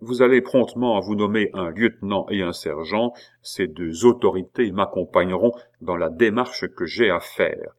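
A man's voice: deep voice, moderate pace, few pauses, close to an everyday voice. A man voicing a self-important young male village captain who gives orders in a grand, solemn manner. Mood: commanding. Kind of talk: audiobook character voice.

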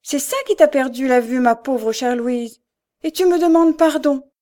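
A woman voicing a distraught mother who fears for her daughter, speaking in a high, wailing, grief-stricken way. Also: normal speed, warm tone, natural voice. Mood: anguished.

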